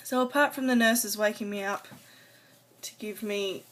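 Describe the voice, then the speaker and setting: A woman's voice: medium pitch, moderate pace, fairly bright tone, rough recording. An adult woman talking casually to camera in a personal vlog, rambling a little hesitantly and trailing off. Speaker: vlogger. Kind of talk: casual personal video diary.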